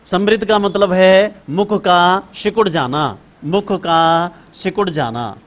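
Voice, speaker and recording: A male Sanskrit teacher lectures at a deliberate, drawn-out pace, repeating key terms over and over. His voice sits high for a man. He talks to his students as if they were right in front of him. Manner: repeats terms slowly, addresses students as brother. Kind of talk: classroom lecture.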